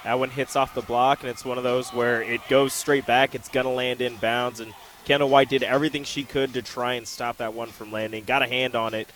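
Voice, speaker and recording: Man giving relaxed color commentary. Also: mid-range voice, fairly quick, few pauses, slight background noise. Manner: relaxed, chatty analysis of each play. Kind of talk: live sports color commentary. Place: arena broadcast position high above the court.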